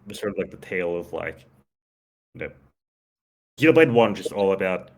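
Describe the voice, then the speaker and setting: A podcast host with a low-pitched, animated voice leads a casual chat at a moderate pace. He talks eagerly and enthusiastically, with lots of fillers and laughter.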